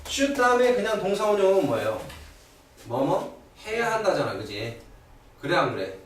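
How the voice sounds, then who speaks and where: Middle-aged male grammar teacher, lively up-and-down delivery, fairly high voice, keeps checking in with the class, picked up from afar in a very echoey room. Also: normal speed, recorded from a distance, a little hiss or hum. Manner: keeps checking in with rhetorical questions. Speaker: English teacher. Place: classroom at a cram school.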